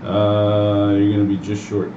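A man's voice: on the low side, completely flat delivery, measured pace. A man working as a craps dealer, calling rolls and payouts in short, matter-of-fact table calls. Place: indoor room at a craps table. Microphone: distant from the speaker. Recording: distant roomy mic, dull, noisy room hum.

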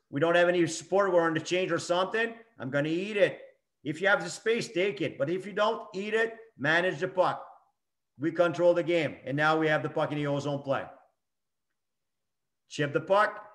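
A man's voice: fairly high pitch, normal speed, a bit bright. A middle-aged hockey coach talking through game clips in short, emphatic phrases and repeating his key points. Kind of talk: coaching talk over game video clips.

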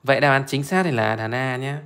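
A male math teacher works through exam questions live, brisk and informal, pausing often to check whether listeners follow and repeating short prompts over and over. His voice is medium-pitched, in an ordinary middle register, and a bit bright.

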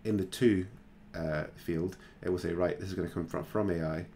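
A man hosting a screen-recorded software tutorial, talking casually and thinking aloud with plenty of fillers. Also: sits low, fairly even intonation, normal speed, a little hiss or hum. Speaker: tutorial host.

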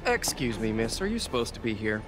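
A man's voice: medium pitch, very animated, brisk, close to an everyday voice. A man playing an earnest, kind young American superhero in a video game, with a hesitant, boyish, self-effacing way of talking. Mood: wry, concerned. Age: young adult. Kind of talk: cinematic video game acting. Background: background music.

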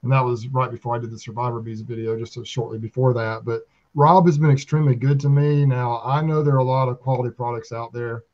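Over slightly dull video-call audio from a small home room, a beekeeper and channel host in his fifties with a Southern American accent spins folksy yarns in easygoing conversation. He talks at a quick pace with few pauses, in a medium-pitched, darkish voice that keeps a steady tone.

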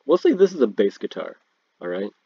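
A teenage boy with a stuffy, congested cold ranks instruments in a video, chatting in relaxed slang over a screen recording. His voice is fairly low, gravelly and husky, with big pitch swings and a slightly quick pace. The recording sounds dull, lo-fi and dry.

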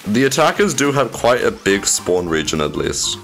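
Lively excitable man streaming a game. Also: fairly low pitch, vocal fry, faint music behind. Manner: excitable, quick exclamations and frequent laughter. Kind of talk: casual gaming chat.

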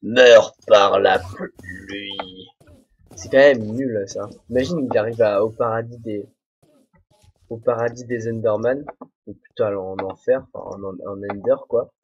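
A man's voice: on the low side, fairly even intonation, normal speed, darkish tone, breathy edge. Rambling young man in muffled recording. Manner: rambling, self-mocking, talks to himself. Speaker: let's play host. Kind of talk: casual solo gameplay commentary. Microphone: desk microphone, no headphones. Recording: dull, muffled home recording.

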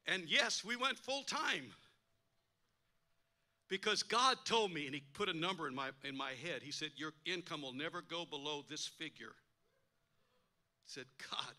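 This older man is a pastor giving a sermon in a church, sharing a personal story with emphasis, imitating the voices he quotes and repeating words often. He speaks in a fairly high, bright, forceful, expressive voice, a little slowly and with frequent pauses.

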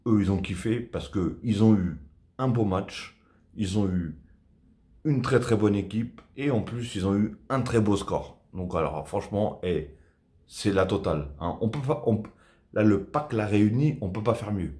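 Brief: low-voiced man in his thirties, casual vlogger, repeats himself, home webcam sound. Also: animated, measured pace, mellow. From Portuguese heritage. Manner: chatty, repetitive fillers, enthusiastic. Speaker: football vlogger. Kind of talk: casual match debrief to camera. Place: small room at home, indoors.

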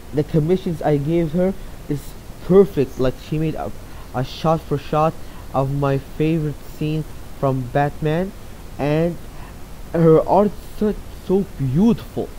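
Speaking as an interviewed artist, a young man from Saudi Arabia gives rambling, casual responses to questions read out to him, peppered with fillers and restarts. He has a mellow, slightly high voice, captured on poor audio with slight background noise.

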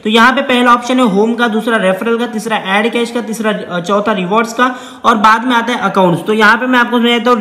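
Very high-pitched, bright and forceful, a man reviews a phone app in a screen-recorded walkthrough, tapping through it while chatting and frequently addressing viewers as brother. He's in an indoor room with the phone on a table, and the sound is echoey with a long reverb.

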